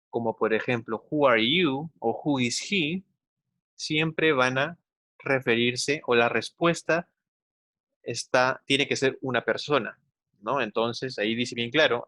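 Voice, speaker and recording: A man's voice: mid-range voice, fairly bright tone, dry recording. A young adult man with a Peruvian Spanish accent teaching a recorded English class for schoolchildren, patient, repeating words and checking in with the class. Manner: patient, explains slowly, repeats words, often says "entonces" and "¿no?". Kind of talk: recorded online class for children.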